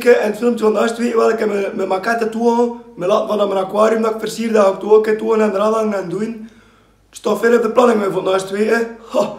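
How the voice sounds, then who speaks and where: Filming his vlog both outside and at home, a young West Flemish man talks in a casual, chatty way, often tacking small fillers onto his sentences. His voice is high-pitched with a breathy edge, and his accent is West Flemish.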